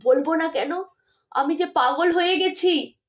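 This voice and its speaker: A woman voicing a distraught, mentally unwell older mother who lashes out bitterly in a Bengali audio story, her voice high and accusing. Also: big pitch swings, measured pace, heavily acted. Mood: shrill, agitated. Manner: shrill, accusing outbursts.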